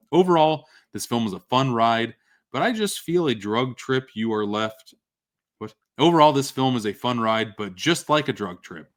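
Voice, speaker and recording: A middle-aged man ranking movies in casual commentary, lifting his voice sharply to announce each number. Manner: animated, jumps up in pitch when announcing numbers. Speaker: movie reviewer.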